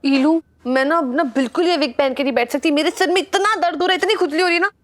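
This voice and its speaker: A woman's voice: high voice, fast talker, natural voice. A young woman playing a friend in a TV sitcom, complaining in a whiny way. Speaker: friend in disguise. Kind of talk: TV sitcom acting.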